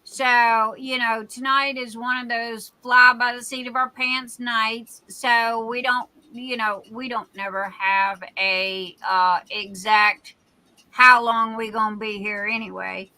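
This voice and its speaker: A woman's voice: on the high side, flat delivery, slow, bright, forceful tone, rough recording. A woman in her sixties hosting a casual livestream from home, chatty and rambling as she drifts from one thought to the next. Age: 60s. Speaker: livestream host and craft shop owner.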